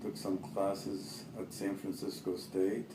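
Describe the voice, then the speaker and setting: A Lebanese-born man in his fifties whose first language is Arabic answers an oral history interview haltingly, with many fillers and restarts. His voice is deep and monotone, and the recording is reverberant with a noisy background.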